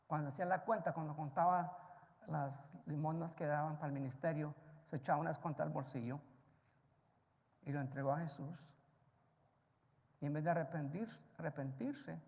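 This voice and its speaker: A male pastor preaching a sermon, firing rhetorical questions at the congregation and swinging between loud, emphatic rises and soft, low asides. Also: steady tone, normal speed, long pauses, muffled recording. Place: church sanctuary. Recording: long church-hall reverb.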